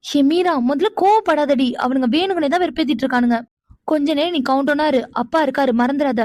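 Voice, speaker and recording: A woman voicing a calm cartoon friend. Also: sits high, quick pace, dry recording, clean studio sound, natural voice. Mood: soothing. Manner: soothing, coaxing. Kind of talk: cartoon voice acting.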